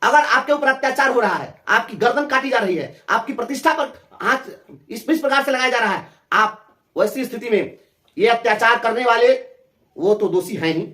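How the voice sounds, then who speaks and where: A speaker from Bihar with a Bihari accent answers an interviewer at length. The voice is mid-pitched, fiery and mocking, and it piles up repeated phrases. The sound carries the ring of an echoey room. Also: normal speed, bright, forceful tone. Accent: Bihari Hindi. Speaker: teachers' representative.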